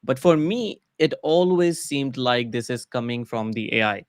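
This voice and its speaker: A man's voice: mid-range voice, lively intonation, a little slow, no echo, clean studio sound. A man hosting an interview, sharing his own experience and asking long, curious questions. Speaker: host. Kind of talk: conversational interview.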